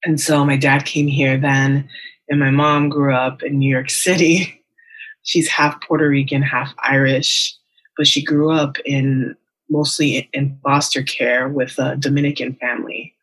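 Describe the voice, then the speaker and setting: A woman's voice: rumbling low, fairly even intonation, unhurried, fairly bright tone. A young adult woman, a writer and teacher, talking candidly and thoughtfully in a casual podcast interview, with many ums and likes. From Las Vegas and Miami, United States.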